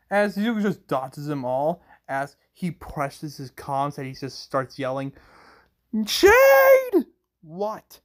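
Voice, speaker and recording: A man improvising a fan-fiction story aloud, rambling through the action and restarting his sentences often. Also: fairly high pitch. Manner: rambling, chains events with "as", frequent restarts.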